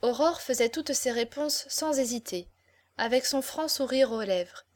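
A woman narrating a classic novel, with measured, expressive reading. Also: sits high. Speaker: audiobook narrator.

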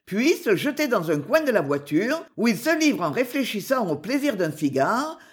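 Expressive woman reading a novel aloud. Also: fairly high pitch, moderate pace. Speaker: audiobook reader. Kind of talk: scripted narration of a novel.

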